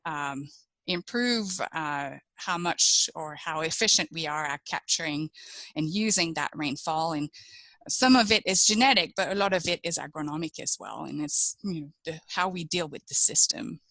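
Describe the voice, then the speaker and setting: A woman from Quebec, a crop researcher, answers interview questions from a home office, her speech full of fillers and restarts. Her voice is bright and a little tense, pitched on the lower side. The recording is dry and close, with no room sound. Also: normal speed, no room sound, low-quality recording. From Quebec, Canada. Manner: hesitant, many fillers and restarts. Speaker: agronomy researcher, guest.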